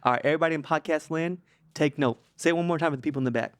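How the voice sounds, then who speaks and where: A man as a podcast guest, joking in a mock-solemn, deadpan way with pauses and repeats. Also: a little high, clean tone, no echo, studio quality. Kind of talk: comic deadpan chat.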